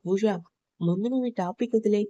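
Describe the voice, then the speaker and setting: A woman voicing an easygoing young man who calms his friend down. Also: mid-range voice, a little fast, lo-fi sound, natural voice. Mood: placating. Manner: soothing, chiding.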